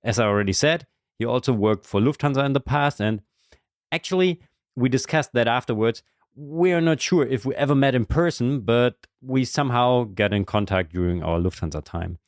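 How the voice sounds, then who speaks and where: A man's voice: mid-range voice, a little fast, no room sound, studio quality. A man hosting a podcast, reading a guest introduction and then chatting upbeat with his guest. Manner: upbeat, with airline travel framing. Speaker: podcast host. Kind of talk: podcast interview, read intro then casual chat.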